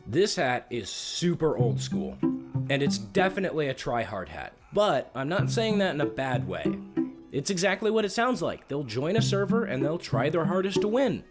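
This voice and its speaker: Man, slightly high voice, lively intonation, scripted comedic narration, loud guitar backing. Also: moderate pace. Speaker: video narrator. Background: loud guitar music.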